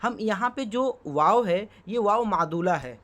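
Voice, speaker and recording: Here the Urdu teacher's voice sits high, fairly bright, a little slow, with lively intonation. Preparing students for exams on Urdu poetry, he poses rhetorical questions to himself, says "okay" to check in, and spells out words letter by letter.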